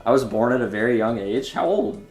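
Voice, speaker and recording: A man in his twenties streams a card game, joking and chatting loosely with viewers as he plays in casual live commentary. His medium-pitched voice is expressive, fairly quick, and a little mellow, with roomy echo and faint background music.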